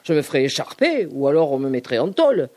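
Lady doing a dramatic reading of letters, super expressive, voice goes way up and down. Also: low-pitched, quick pace. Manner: expressive, lively and outspoken. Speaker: reader.

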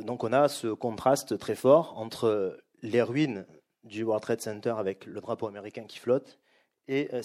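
A middle-aged man giving a public lecture to a live audience, explaining in a measured, hesitant way with frequent pauses and restarts. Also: mid-range voice, a little mellow.

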